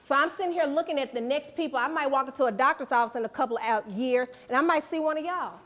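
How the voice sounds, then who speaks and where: A middle-aged woman giving a motivational speech to students, animated and preacherly, repeating lines for emphasis. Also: high-pitched, fast talker. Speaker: guest speaker.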